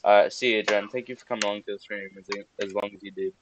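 A man with a fairly low voice comments on his game stream in a loose, grumbling way, often mocking his own mistakes. Mouse clicks and steady noise sit clearly under his voice on the recording. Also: fast talker, highs cut off. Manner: frustrated, self-mocking, muttering asides while playing. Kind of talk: casual gaming livestream commentary.

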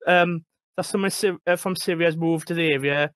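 High-voiced Welsh man, rambling. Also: fairly even intonation, brisk, fairly bright tone, no echo. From Wales. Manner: rambling, hesitant, repeats words. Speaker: librarian, guest. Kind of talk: casual book chat.

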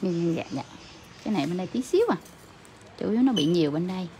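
Woman, Southern Vietnamese accent, nail technician, gentle explaining, mellow tone, faint background noise. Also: lowish voice, animated, fast talker. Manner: gentle, reassuring, explains as she works. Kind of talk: livestream commentary while working.

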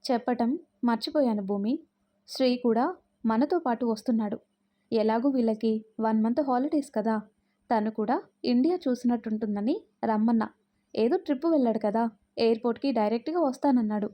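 A woman's voice: a little high, a little fast, pauses often, warm tone, close to an everyday voice. A woman voicing a playful young husband who teases his wife and sister-in-law. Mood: teasing. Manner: playful teasing. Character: teasing, generous young husband.

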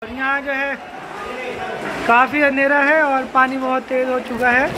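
High-voiced woman vlogging beside rushing water. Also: level tone, a loud crowd. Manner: chatty, addresses viewers as guys. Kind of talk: walking travel vlog narration. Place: outdoors in a rocky gorge with flowing water. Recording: loud rushing water noise behind.

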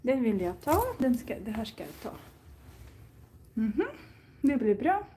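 Woman, warm dark voice, chatty library vlog, thinks aloud, reads titles. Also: a little high, big pitch swings, slight background noise. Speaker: Swedish teacher and vlogger.

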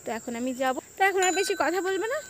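Young woman, high voice, chatty vlog, phone camera outdoors. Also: expressive, racing, noisy background. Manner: chatty, addresses friends directly. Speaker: vlogger. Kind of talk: casual vlog narration. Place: village garden and fields outdoors.

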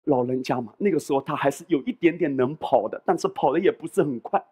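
A man pastor preaching a sermon in a lively, conversational way, acting out little voices and asides along the way. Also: fairly high pitch, quick pace, husky.

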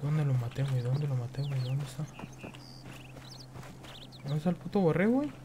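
A man's voice: mid-range voice, animated, a little fast, background noise. A young man with a Mexican accent gives casual, profane commentary on his gameplay. He tacks a slang filler onto nearly every phrase. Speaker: gameplay streamer.

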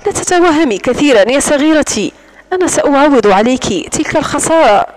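A domineering wealthy man who sneers and taunts, voiced by a woman narrating an audiobook. He speaks coldly and controllingly, and the voice stays quite high. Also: lively intonation, fairly quick, a little hiss or hum, poor audio. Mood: mocking. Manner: mocking, cold and controlling.

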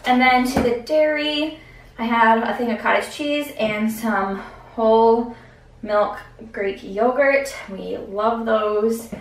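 A young adult vlogger walks slowly through her grocery haul in her kitchen, her slightly high voice far from the mic. She thinks out loud with fillers while a camera a few steps away records the echoey room and her off-mic voice.

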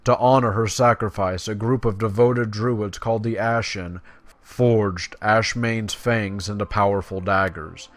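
In a lowish, steady voice with no room sound, a gaming video creator offers commentary. He drops casual asides between plain, measured readings of quest text.

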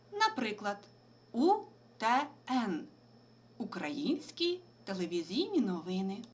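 High, lively woman teacher. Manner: clear, deliberate explanation, spelling out letters slowly. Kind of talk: remote school lesson.

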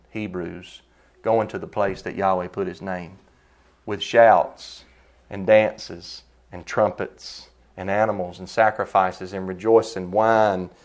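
Man preaching a sermon, emphatic. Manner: emphatic preaching with sudden rises in pitch and loudness.

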